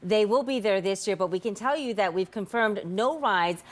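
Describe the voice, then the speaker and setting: A woman reporting a news story, then chatting with anchors in a TV studio, with a steady, earnest delivery. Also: mid-range voice, normal speed.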